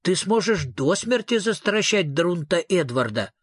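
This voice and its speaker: A lively young girl exclaims with excitement in a raised, bright register, as a man reading an audiobook puts her on. The voice is husky and close, with a dry sound. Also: high voice, measured pace, no echo, pitched above the performer's own voice, heavily acted. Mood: excited.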